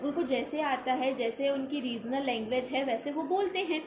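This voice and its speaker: A woman teacher explains a literary essay during a lesson, speaking in a high voice at normal speed, conversational and packed with rhetorical questions. The room is echoey, with faint background noise.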